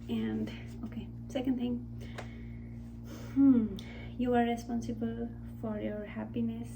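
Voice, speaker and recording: A woman in her twenties chatting casually to camera in a vlog, slowly and hesitantly, with many fillers and restarts. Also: a little high, far from the mic, low-quality recording. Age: 20s. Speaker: vlogger. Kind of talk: casual talking-head vlog.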